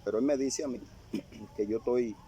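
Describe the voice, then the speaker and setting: An older man recounting a personal testimony in casual storytelling, halting and repeating phrases as he remembers. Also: medium pitch, dark tone. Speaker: interviewee sharing a testimony.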